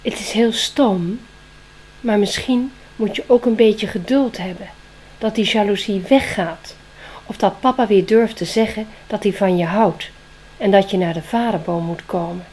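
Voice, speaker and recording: A wise, kindly male owl from a storybook, gentle and comforting, as a woman puts him on. He talks in a warm, reassuring way, taking his time on his words. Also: medium pitch, unhurried, husky, low-quality recording.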